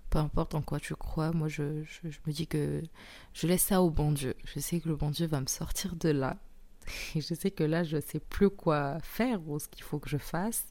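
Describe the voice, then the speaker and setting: With a very sore throat from tonsillitis, this young woman hosts her intimate solo podcast softly, often falling into a breathy near-whisper. Her low-sitting voice keeps a steady tone at a normal pace.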